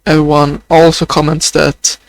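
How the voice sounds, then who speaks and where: In a dry, poor-quality recording, a young man with a Swedish accent makes an unscripted video diary entry. His slightly high, gravelly voice is completely flat, and he hesitates, halts and fills gaps constantly, sounding to people almost on the verge of crying.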